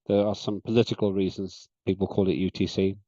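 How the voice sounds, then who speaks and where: Man, session chair, measured and deliberate delivery, lowish mellow voice, dull video-call sound. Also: little pitch movement, no echo. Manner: measured, deliberate, with frequent "uh" fillers. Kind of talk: chairing an online meeting.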